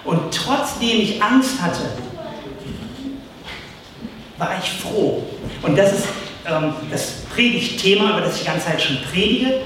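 High-voiced preacher in an echoing hall. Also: male voice, lively intonation, background noise. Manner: earnest, emphatic, repeats key phrases slowly. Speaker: pastor. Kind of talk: sermon. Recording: echoey distant hall recording.

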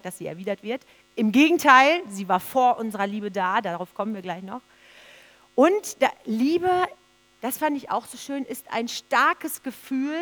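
Woman giving a sermon, earnest, keeps repeating stuff for emphasis, bit high voice, faint hum behind. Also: fairly bright tone. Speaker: preacher.

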